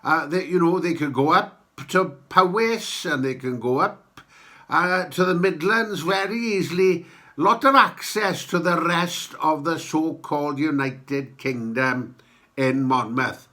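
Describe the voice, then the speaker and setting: A man with a Welsh accent delivers opinionated podcast monologue. His voice is fairly high and sharply bright, and he talks slowly, halting and then landing emphatic points. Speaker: podcast host. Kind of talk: comic political monologue.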